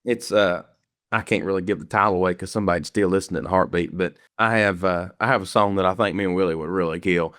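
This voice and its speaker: A man's voice: deep voice, quick pace, fairly bright tone, no echo, studio quality. A man from Kentucky with an Appalachian country accent, a singer-songwriter talking in a folksy, plainspoken way as an interview guest. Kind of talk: casual interview chat.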